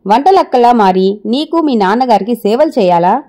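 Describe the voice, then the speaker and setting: A stubborn young working wife argues back with indignant force, as a woman narrator reads her part. The voice is mellow and fairly high. It comes across as a spoken audio story. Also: expressive, normal speed, close to an everyday voice.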